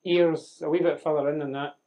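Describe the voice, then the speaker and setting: A man's voice: a little high, level tone, fairly quick, muffled recording. Man lecturing a class. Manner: conversational, questioning the class, dry humour. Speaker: medical lecturer. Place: lecture room with audience.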